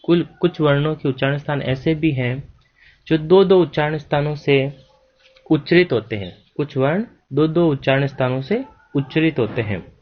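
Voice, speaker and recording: Male teacher, slow and deliberate, slightly higher voice, dull lo-fi recording, spells out sounds in a Sanskrit grammar lesson.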